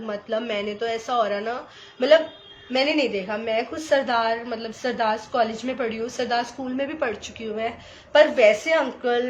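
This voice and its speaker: A woman sharing a personal devotional testimony in an animated storytelling way, slipping English phrases into her talk. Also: fairly high pitch, lo-fi sound, slight background noise. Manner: addresses listeners as sangat ji.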